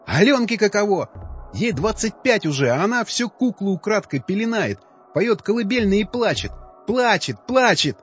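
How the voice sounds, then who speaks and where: A man voicing an anguished young male survivor who talks bluntly and roughly. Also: on the high side, sing-song, fairly quick, faint music behind, voice pushed up. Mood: pleading. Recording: dull, slightly lo-fi dry recording.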